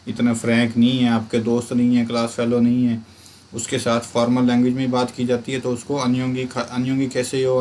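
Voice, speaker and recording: A man teaching a casual language lesson, explaining slowly and repeating each word aloud. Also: mid-range voice, a little hiss or hum.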